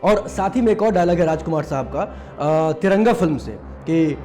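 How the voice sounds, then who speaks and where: A man's voice: fairly high pitch, lively intonation, normal speed, a little mellow, soft background music. A man casually teaching mimicry, explaining step by step with lots of fillers. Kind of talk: casual tutorial talk.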